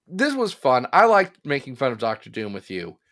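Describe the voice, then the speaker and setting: A man co-hosting a comics podcast in casual comedic chat, jokey and animated, swinging between loud bursts and mumbles. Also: mid-range voice, moderate pace. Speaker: podcast co-host.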